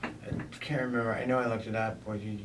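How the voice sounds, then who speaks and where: A man's voice: little pitch movement, fast. A man conducting a casual interview, asking tentative, wandering questions and reacting eagerly. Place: convention, at some distance from mic. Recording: distant mic, noisy rumbling convention recording.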